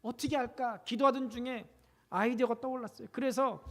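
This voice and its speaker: A woman's voice: fairly high pitch, fairly even intonation, fairly quick. A woman pastor preaching, telling a story with rhetorical questions and acted-out quotes. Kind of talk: sermon. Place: church sanctuary. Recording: long reverb of a church sanctuary.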